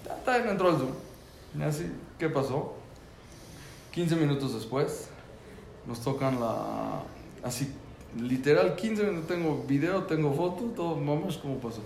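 A man's voice: a little high, lively intonation, moderate pace, gravelly, a little mellow, reverberant, a little hiss or hum. A man telling a personal story about his son, earnest and full of repeated words and restarts.

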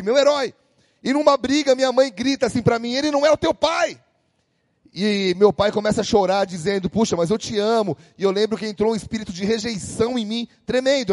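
A Brazilian man preaching a sermon as a pastor, energetic and calling out to the congregation. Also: sits high, no room sound, big-room sound. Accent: Brazilian Portuguese. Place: church hall.

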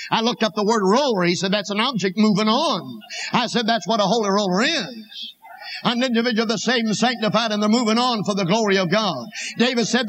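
A man's voice: high voice, a bit bright, rough recording. A man with an Appalachian accent preaching a personal testimony, telling it as a folksy, dramatic story and acting out the dialogue. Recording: noticeable background noise.

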